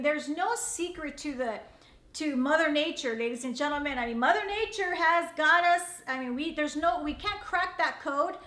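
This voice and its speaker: A woman's voice: high-pitched, fairly bright tone, reverberant. A middle-aged woman earnestly sharing marriage advice, often speaking straight to the ladies. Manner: earnest, repetitive, addresses ladies directly. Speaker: host. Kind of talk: personal marriage advice talk.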